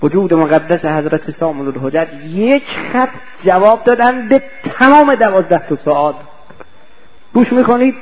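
A high-pitched man delivers a fervent religious sermon. He draws out emphatic phrases and often turns to his listeners with direct questions. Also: lively intonation, a little hiss or hum, poor audio. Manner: impassioned, dramatic, drawn-out emphatic phrases. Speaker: preacher.

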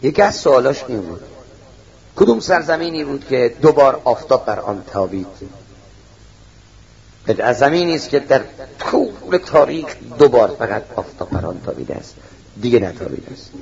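A man's voice: mid-range voice, sing-song, creaky, a little mellow. A man preaching a religious sermon as a dramatic storyteller, acting out the voices in his stories, in a dull lo-fi recording.

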